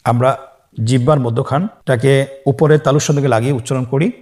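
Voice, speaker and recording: Steady and a little mellow, this man's mid-range voice guides a scripted lesson on Arabic letters for Quran reading. He proceeds step by step, singing each letter name at length so listeners can repeat it.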